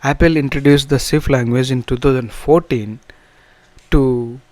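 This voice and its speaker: Telugu accent guy doing an informal coding tutorial, kinda halting and repeats himself, dry sound. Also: medium pitch, steady tone, a little mellow, no echo. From south India. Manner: halting, repetitive phrasing with broken restarts. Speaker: programming instructor.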